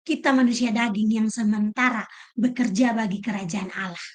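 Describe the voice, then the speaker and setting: A middle-aged woman preaches with a high, bright voice. Her delivery is emphatic and lively, and she breaks into acted-out quotes. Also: normal speed. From Indonesia. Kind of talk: sermon.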